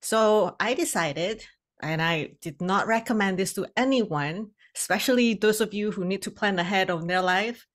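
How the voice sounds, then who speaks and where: A woman's voice: mid-range voice, moderate pace. A middle-aged woman from Indonesia, telling her story as a podcast guest over a video call, candid and often laughing between phrases. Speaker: guest, hypnotherapist and coach. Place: home room, indoors. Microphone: podcast microphone on video call.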